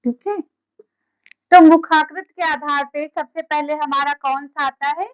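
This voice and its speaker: A woman's voice: high voice, steady tone, unhurried, poor audio. A woman teaching a class, repeating key terms and quizzing her students with questions. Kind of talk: classroom lecture.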